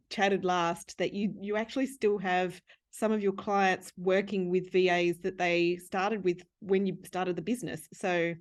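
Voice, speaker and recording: An upbeat, encouraging woman hosting a podcast interview, lifting her voice as she welcomes and prompts her guest. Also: on the low side. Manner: upbeat and encouraging, lifts her voice when greeting. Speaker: podcast host.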